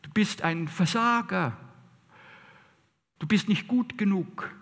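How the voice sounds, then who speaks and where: A man's voice: high voice, slow pace, fairly bright tone, long reverb tail, voice pushed up, full character voice. A man putting on a sneering inner critic voice. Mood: scornful. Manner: scornful, mocking.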